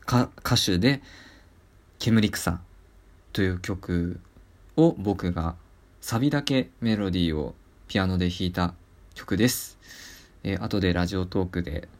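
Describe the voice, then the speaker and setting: A man's voice: low-pitched, a little slow, pauses often. A man hosting a casual talk show, speaking politely with many hesitant fillers. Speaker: podcast host.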